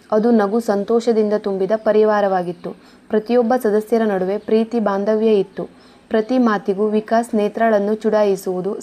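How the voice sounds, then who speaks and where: Woman storyteller, mellow warm tone, steady scripted narration. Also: mid-range voice.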